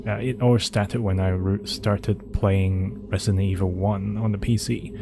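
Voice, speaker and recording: Over game music, a streamer whose native tongue is Cantonese plays a horror game, reading documents aloud, then jumping ahead with side remarks and fielding chat questions. He speaks a little slowly in a low, creaky, fairly even voice.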